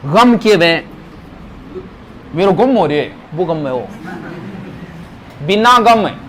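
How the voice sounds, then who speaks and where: A man's voice: sits high, big pitch swings, slow pace, fairly bright tone, a little hiss or hum. A male teacher, giving a grammar lesson to a class, asking questions and stressing words.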